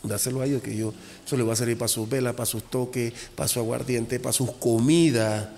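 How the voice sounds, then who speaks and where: A man, a voodoo priest, talking as a podcast guest, animated, acting out little dialogues and repeating phrases. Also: mid-range voice, a little fast, vocal fry, a little hiss or hum. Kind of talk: casual podcast talk. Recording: long echoey reverb.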